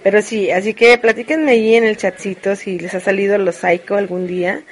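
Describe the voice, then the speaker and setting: A woman's voice: medium pitch, fairly even intonation, fairly quick. A woman with a Mexican accent chatting casually and frankly to live viewers, joking as she rambles through her confessions. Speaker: streamer.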